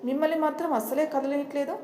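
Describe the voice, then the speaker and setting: A woman's voice: sits high, steady tone, fast, mellow, slight background noise, pitched above the performer's own voice, natural voice. Woman doing a chatty hospital nurse. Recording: roomy echo.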